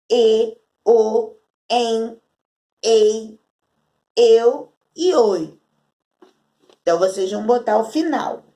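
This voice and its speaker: A Brazilian woman teacher giving an online Portuguese lesson to children, reading words aloud slowly one by one. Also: a little high, creaky, a little mellow. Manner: slow, drawn-out words read aloud one by one.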